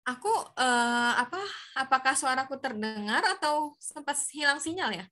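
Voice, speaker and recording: A woman's voice: sits high, moderate pace, sharp tone. A woman who works as a voice actor, cheerfully teaching an online class for children over a video call.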